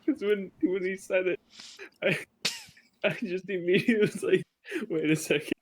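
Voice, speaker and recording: A man's voice: sits high, fairly even intonation, normal speed. A man joking and swearing in a casual online voice chat, breaking into giggles as he talks. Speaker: gaming chat participant. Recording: noisy voice chat line.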